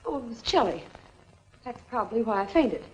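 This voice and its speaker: A woman's voice: fairly high pitch, big pitch swings, fairly quick, low-quality recording. An actress playing a flustered young society woman in 1930s screwball comedy banter, fluttery and hesitant, on an old film soundtrack. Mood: airy, evasive.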